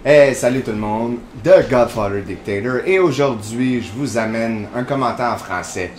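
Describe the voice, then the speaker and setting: A man's voice: mid-range voice, animated, normal speed, a little mellow, roomy sound, slight background noise. A man with a Quebec French accent, hosting casual gameplay commentary in a chatty, rambling way full of fillers. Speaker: gaming channel host.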